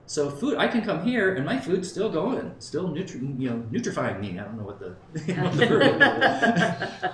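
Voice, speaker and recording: A man's voice: a little high, sing-song, normal speed. A man in his fifties from Southern California giving a conversational conference presentation to a live audience, often checking in with his listeners and thinking aloud. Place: conference room. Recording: roomy live talk recording with faint background noise.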